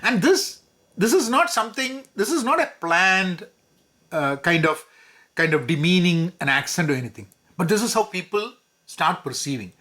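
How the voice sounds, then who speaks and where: A middle-aged vlogger from Kozhikode, Kerala, India, speaks with a Malayali English accent in a slightly high, bright and forceful voice. Offering casual personal commentary, he thinks aloud, switches between Hindi and English, and uses fillers and restarts.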